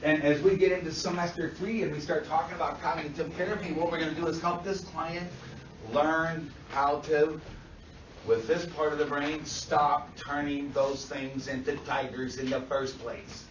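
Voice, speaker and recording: A man lecturing counselors in a classroom, animated, swearing freely and checking constantly that students follow. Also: fairly high pitch, normal speed, a little hiss or hum. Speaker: instructor teaching counselors. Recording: dull roomy sound from far off.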